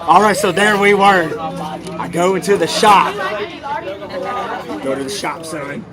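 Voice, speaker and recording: A man's voice: high voice, a little slow, music in the background. A man playing a boastful, rambling old grandpa inventor who keeps calling everyone son and whippersnapper, in an improvised comic bit. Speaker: performer of a comic sketch. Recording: noisy crowd chatter outdoors.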